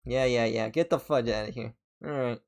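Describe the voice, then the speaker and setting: A man chatting casually on a reaction stream, excitable, swearing, and restarting his sentences as he rambles. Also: mid-range voice, normal speed, creaky.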